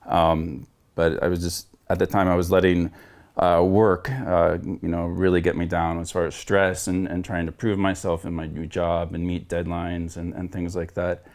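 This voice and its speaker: Over a video call, a Florida man in his forties gives a candid testimonial about his experience as a coaching client. He is earnest and reflective but rambles and restarts, speaking at a moderate pace in a low, level, darkish voice.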